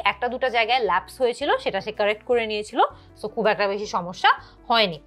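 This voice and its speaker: Fast-talking woman IELTS instructor. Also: mid-range voice. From Bangladesh. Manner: brisk, mixing Bengali with English terms. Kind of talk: explaining exam scoring, then asking test questions.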